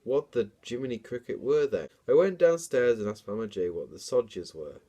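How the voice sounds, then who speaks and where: His voice sits in the mid range, mellow and lively in intonation, moving at an ordinary speed. This young comedian dramatically reads his own childhood book, interrupting himself with relaxed, self-deprecating remarks.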